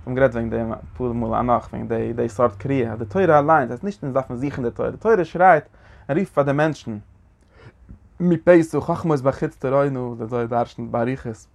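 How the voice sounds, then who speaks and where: Gravelly-voiced man giving a halting lecture. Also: medium pitch. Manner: halting, repeats and restarts phrases. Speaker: teacher. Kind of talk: religious text lecture.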